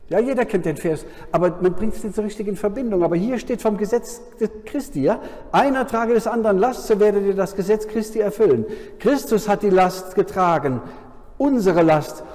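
A man preaching a sermon at a Bible conference, his voice fairly high yet mellow and dark in tone. He keeps turning to the listeners with a questioning "ja?". The sound carries a long reverb from a large hall. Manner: frequent questioning "ja?" to the audience.

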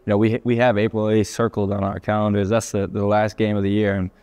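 Easygoing young man, lowish voice. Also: little pitch movement, darkish tone. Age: young adult. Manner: easygoing, halting, repeats words. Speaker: college athlete guest. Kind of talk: casual interview chat. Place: indoors at a dinner table.

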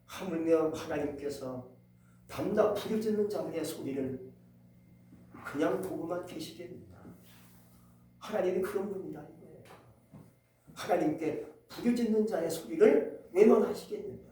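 A pastor preaching a dramatic sermon, acting out the stories. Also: male voice, high-pitched, warm tone. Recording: echoey church from far off.

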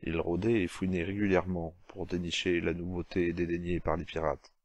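Deep-voiced man narrating an audiobook. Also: level tone, fairly quick, no echo. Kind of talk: scripted narration.

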